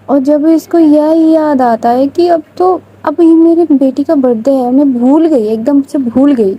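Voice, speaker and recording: A woman's voice: high voice, warm tone, highs cut off. A woman telling a love story in a casual, chatty, rambling way.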